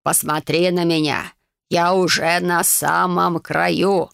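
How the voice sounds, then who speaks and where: A frail, scheming old man, put on by a woman reading a storybook, drags out every word in a low, grating creak. He hisses and complains rather than speaks. The sound is dry and close. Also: little pitch movement, a bit bright, no room sound, exaggerated voice. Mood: pressing. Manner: slow, hissing, querulous.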